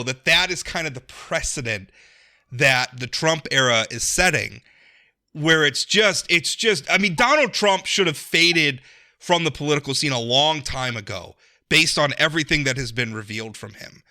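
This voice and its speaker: Male commentator, casual political chat, very bright forceful tone, emphatic delivery. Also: fairly high pitch, animated, moderate pace.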